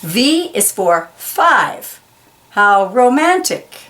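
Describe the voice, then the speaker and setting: Against a noisy background, a woman with a mid-range, sing-song voice reads a children's picture book aloud. She goes slowly and deliberately, carefully enunciating key words and explaining them simply for young listeners.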